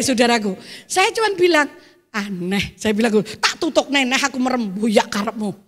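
A middle-aged woman with a Javanese accent preaching a sermon, telling chatty stories and swelling into loud exhortation. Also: sits high. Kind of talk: sermon with storytelling. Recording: echoey church hall.

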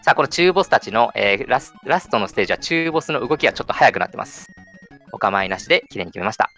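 Fast, animated, gravelly male game commentator. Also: mid-range voice, faint music behind. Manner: chatty, lots of sentence-final "ne" tags. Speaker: speedrun commentator.

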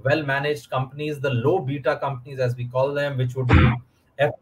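A middle-aged man with an Indian English accent, a fund manager speaking in a measured, explanatory way on a video call. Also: medium pitch, little pitch movement, very noisy. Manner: measured, explanatory, many fillers. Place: indoor room.

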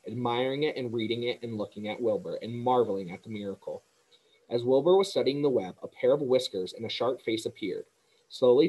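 A man, a teacher, narrating a children's book aloud in a calm, steady way. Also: mid-range voice, breathy edge, low-quality recording.

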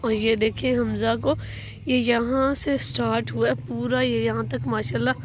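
A woman from Pakistan chatting excitedly and laughing as she narrates a family vlog, filmed outdoors in a park on a handheld phone. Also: on the high side, normal speed, slight background noise. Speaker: family vlogger.

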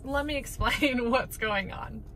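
A young American woman from Los Angeles, a vlogger, chats casually to a camera inside her car. Her voice is fairly high and fairly bright, and she speaks a little slowly. The car interior recording is clearly noisy.

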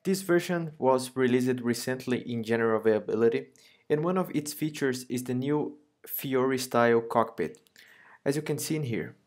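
Easygoing man walking through a software demo. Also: mid-range voice, normal speed. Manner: relaxed explaining with frequent "uh" fillers. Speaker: software solution architect. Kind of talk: screen-recorded software demo.

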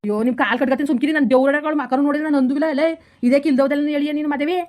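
A woman's voice: high voice, fairly even intonation, rapid-fire, a little mellow, lightly acted. Woman playing a flustered village husband. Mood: protesting. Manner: protesting, pleading. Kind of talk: village comedy skit.

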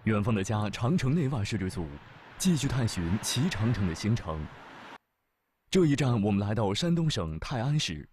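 A man narrating a travel documentary in a measured, formal way. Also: lowish voice, very animated, background noise. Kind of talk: scripted narration.

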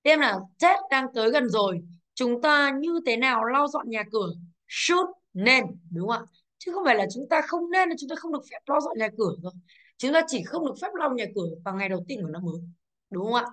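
A woman teaching English with a slightly high voice. She walks through each exercise step by step and keeps asking the class to confirm. Her English words carry a Vietnamese accent. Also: expressive, a little fast, a bit bright. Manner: explains step by step, checks with "đúng không ạ".

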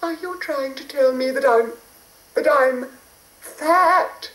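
A woman's voice: high-pitched, takes it slowly, fairly bright tone, pitched above the performer's own voice. A woman voicing a sweet, naive, plump young fairy who trills and gushes. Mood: excited. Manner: breathy, trilling and gushing. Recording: echoey room.

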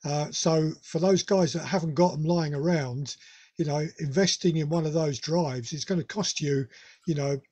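Northern english guy hosting a radio club chat, bit higher voice, lots of ums and restarts. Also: moderate pace, mellow. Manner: hesitant, many restarts and fillers. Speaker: club meeting host. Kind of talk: casual club talk over video call.

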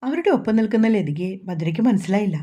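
A woman with a Malayalam accent reading a romantic novel aloud as narrator, voicing every character in a fairly even tone. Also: mid-range voice, quick pace, dull audio. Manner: reads all characters' dialogue in a mostly even voice. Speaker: story narrator.

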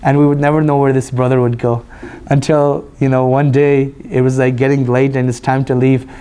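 Hoarse male imam, conversational lesson, flat delivery, dark tone. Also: mid-range voice, normal speed. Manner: relaxed, conversational, frequent "you know". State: hoarse, voice recovering. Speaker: imam teaching a study circle. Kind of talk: religious lecture with Q&A.

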